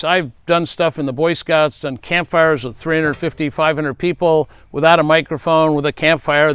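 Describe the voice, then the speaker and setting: A middle-aged safety speaker gives an earnest speaking tip to camera, offering advice and stories from his past. His slightly high voice is clear and resonant, recorded at studio quality with no room sound.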